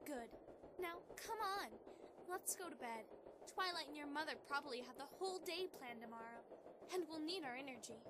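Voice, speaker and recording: A woman's voice: sits high, lively intonation, normal speed. A woman playing an affectionate, playful young married pony princess in an amateur audio drama, earnest and sweetly coaxing. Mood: earnest, reassuring. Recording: clearly noisy amateur microphone recording.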